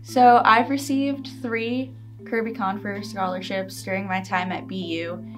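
A woman's voice: mid-range voice, fairly even intonation, measured pace. A young woman student answering interview questions earnestly and casually in a studio. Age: young adult. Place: studio in front of blue backdrop. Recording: distant mic with music underneath.

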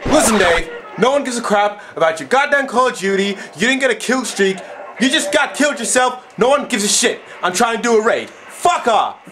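A man's voice: medium pitch, animated, a little slow, long pauses, a bit bright, far from the mic. Young man acting a dismissive American gamer, sweary and irritable, medium voice, faint music behind. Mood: irritated. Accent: put-on American. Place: bedroom, close to camera.

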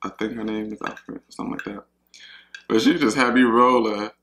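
A man chats on camera between bites, rambling and talking straight to his viewers. His voice is bright and forceful, and it rings through an echoey home kitchen. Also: fairly low pitch, flat delivery, normal speed. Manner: chatty, rambling, talks to viewers as y'all. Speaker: mukbang vlogger. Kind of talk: casual chat while eating.

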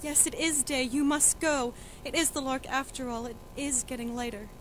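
Brief: a girl voicing a defiant young heroine, slightly high, pleading and emotional. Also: fairly even intonation, moderate pace, slight background noise, lightly acted, poor audio. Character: young noblewoman, desperate and defiant. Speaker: student actor in a school reading.

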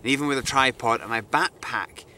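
A man's voice: medium pitch, fairly quick, pushed and bright. A young man with a cold, a landscape photographer enthusiastically talking through his plans to camera on a windy hilltop. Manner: enthusiastic, thinking aloud. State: has a cold. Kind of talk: outdoor vlog narration. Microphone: camera mic, hand-held close and far camera. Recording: wind noise on outdoor mic.

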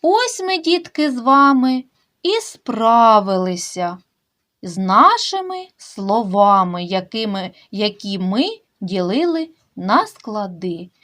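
A young woman teaching a kindergarten literacy lesson, addressing small children and splitting words into syllables with slow emphasis. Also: mid-range voice, big pitch swings, fairly bright tone. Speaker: preschool teacher.

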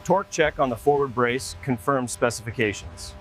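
A man giving steady procedural checks as a technician. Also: medium pitch, moderate pace, soft background music, low-quality recording.

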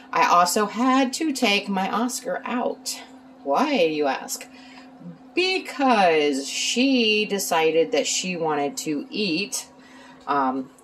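A woman with a low voice talks casually beside her aquarium at home. She has the hiccups and keeps pausing with ums and little excuse-mes. A faint hum of room ambience sits behind her. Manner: halting, filler-heavy, with hiccups and throat clearing. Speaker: aquarium hobbyist vlogger. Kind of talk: casual vlog.

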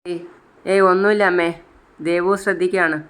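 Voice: mid-range voice, fairly even intonation, normal speed, a bit bright, clear, resonant tone, lightly acted. A narrator voicing a tearful young wife. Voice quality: speaks as if crying.

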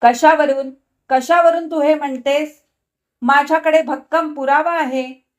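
Angry scornful husband, read by a woman narrator, biting and sneering, raised pitch. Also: a little slow.

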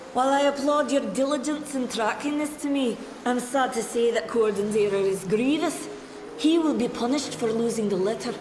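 A woman's voice: on the high side, lightly acted. An actress playing a stern, haughty female gnome scholar in a video game, speaking in a formal, imperious manner. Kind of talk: video game character dialogue. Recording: echoey hall reverb, noisy ambience.

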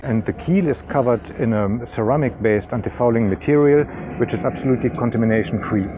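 A man's voice: medium pitch, fairly quick, mellow, a little hiss or hum. A middle-aged man, a marine scientist, explaining equipment outdoors on a yacht deck, with frequent hesitations. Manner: hesitant, many uh fillers. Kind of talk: on-camera explanation.

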